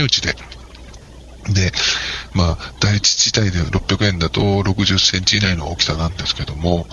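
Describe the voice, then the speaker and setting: A man's voice: lowish voice, a bit bright. A man who works for the post office, answering interview questions in a chatty, joking way while giving practical advice. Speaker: post office worker as guest. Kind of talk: casual explanatory interview talk. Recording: dull lo-fi with faint noise.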